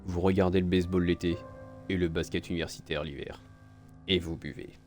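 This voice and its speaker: A man's voice: deep voice, steady tone, brisk, darkish tone, soft background music. A man playing a video game on stream, reading its story text aloud and adding casual, crude asides. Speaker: let's play streamer.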